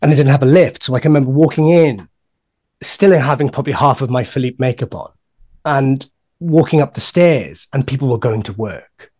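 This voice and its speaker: A man's voice: medium pitch, a little fast, warm tone. A man co-hosting a podcast, telling long rambling anecdotes in casual chat. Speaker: podcast co-host.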